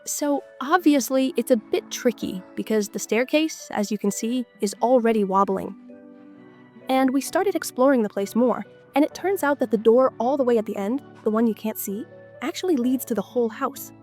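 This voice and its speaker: With soft music underneath, an urban explorer vlogger narrates her way through an abandoned house in a casual, chatty tour. Her voice is a little high and a little mellow, moving at a moderate pace. She sounds stuffed up from a cold and often exclaims in amazement.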